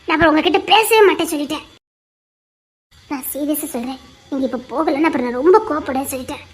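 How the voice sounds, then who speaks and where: A woman's voice: high-pitched, fast, lightly acted. A woman acting an anxious young woman who hides her lover and talks in pleading, exasperated whispers. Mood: stern whisper. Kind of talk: audio drama acting.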